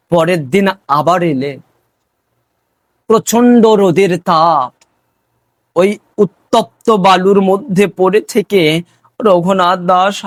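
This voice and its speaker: A man's voice: sits high, dry recording. A man preaching a devotional sermon as a story, emotional and repeating lines for emphasis.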